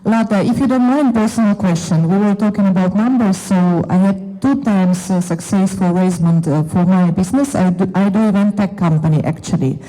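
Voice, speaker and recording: A woman with a Russian accent asking a panel a long question from the audience, halting and searching for words. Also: mid-range voice, dark tone. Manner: hesitant, halting non-native phrasing. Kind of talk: question from the floor. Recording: echoey event hall.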